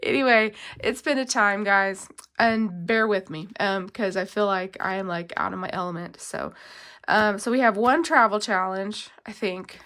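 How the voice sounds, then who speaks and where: A woman's voice: medium pitch, normal speed, fairly bright tone. A woman chatting casually while she counts cash, rambling with lots of fillers and congested from a cold. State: congested, coughing. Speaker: budgeting vlogger.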